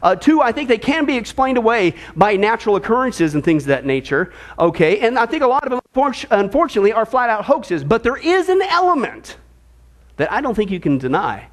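A male pastor preaching a sermon, emphatic and animated, with rhetorical questions and sarcastic asides. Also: high-pitched, brisk. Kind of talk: sermon on prophecy.

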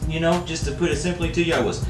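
A man's voice: fairly high pitch, fast talker, distant mic, faint music behind. A young man hosting a casual cooking vlog in his home kitchen, rambling and joking as he talks to the viewer. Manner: joking, rambling, calls viewer baby and sir. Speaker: cooking show host. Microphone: camera mic at a distance. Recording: roomy kitchen sound from off-mic.

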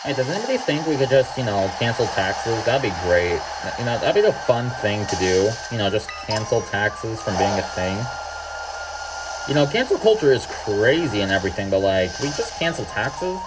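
With a lowish, sing-song voice at a moderate pace, a young Mexican man rambles through casual let's-play commentary as a gaming YouTuber. He drifts off topic and swears freely, and loud game music and background noise sit behind his voice.

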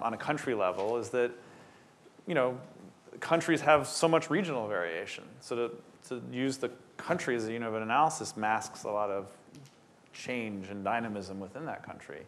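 A man's voice: mid-range voice, a little hiss or hum. A middle-aged man, a researcher on a panel, answering audience questions and laying out his points in order. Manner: engaged, explains in ordered points. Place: lecture hall, standing at front.

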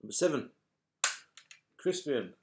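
A man's voice: medium pitch, big pitch swings, a little slow. A middle-aged British man calling raffle balls like a bingo caller, chatty, matey and apologetic to the players. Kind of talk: bingo caller announcing numbers and names to players. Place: small furnished room at home, indoors. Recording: noisy home webcam recording with clatter.

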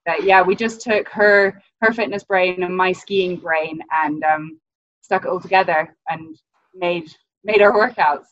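A woman's voice: lowish voice, fairly even intonation, unhurried, fairly bright tone, no echo. A young British woman in her twenties, a ski coach, chatting casually on a video call with lots of fillers. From Britain. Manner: chatty, many "um" and "like" fillers, laughs often. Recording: dull lo-fi video call audio.

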